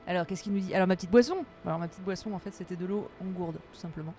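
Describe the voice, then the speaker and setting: A woman chatting casually with her live-stream audience while gaming, playful and quick to laugh, her voice a little tired. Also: fairly low pitch, steady tone, a little mellow, a little hiss or hum.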